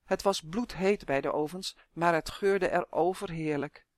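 A narrator reads a children's story in an even, middle-pitched voice. The sound is dry and close, with no room around it, and the voice climbs a little whenever a character speaks. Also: a little slow, dry recording. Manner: lifts the voice for characters' dialogue. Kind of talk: storybook reading.

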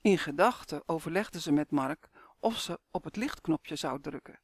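A man reading a children's story aloud in steady, clear scripted narration. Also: on the high side, moderate pace, no room sound, studio quality.

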